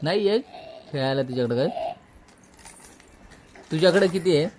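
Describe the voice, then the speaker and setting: A man in his thirties, a father and vlog host, gently and playfully questioning his small daughter in a casual home video. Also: fairly high pitch, animated, normal speed, slight background noise.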